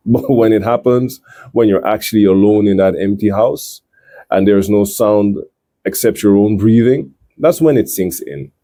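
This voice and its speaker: Middle-aged male host for a reflective monologue: measured and earnest, mellow timbre, dry recording. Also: lowish voice, no room sound. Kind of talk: reflective scripted monologue to viewers.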